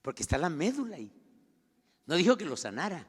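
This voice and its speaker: A middle-aged man with a Mexican Spanish accent, preaching a sermon as pastor. He moves between quiet personal storytelling and loud, fervent outbursts. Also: fairly high pitch, big pitch swings, fast talker, slightly rough. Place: church. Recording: long reverb of a church hall.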